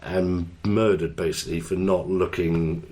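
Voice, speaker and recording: A man's voice: deep voice, fairly even intonation, a little slow, darkish tone, slight background noise. A man hosting a radio show, chatting casually and joking at his own expense. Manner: chatty, self-deprecating. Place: radio studio.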